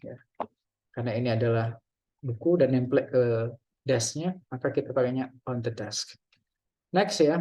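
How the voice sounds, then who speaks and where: A man teaching English grammar in a relaxed way, reading out example questions and translating each one. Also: mid-range voice. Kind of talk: casual classroom explanation.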